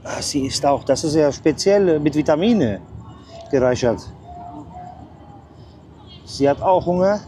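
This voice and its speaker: A man's voice: fairly high pitch, expressive, unhurried, pauses often. Man coaxing street cats outdoors. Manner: coaxing street cats with soft hissing calls, mixing in English and Turkish words. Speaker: vlogger. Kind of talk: casual vlog chat. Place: outdoors on a city street by the bay. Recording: noisy outdoor street audio.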